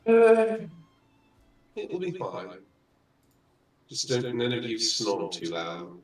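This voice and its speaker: A man's voice: medium pitch, huge pitch swings, takes it slowly, recorded from a distance. A man playing a tabletop role-playing game, describing his character's actions in informal, sweary chat. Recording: clear music behind the voice. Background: background music.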